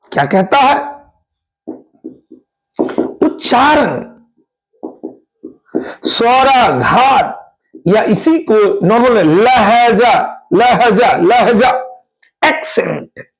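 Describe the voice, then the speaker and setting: A man's voice: very high voice, poor audio. A man teaching an exam-prep English grammar lesson, drawing out his explanations and asking his students repeated questions.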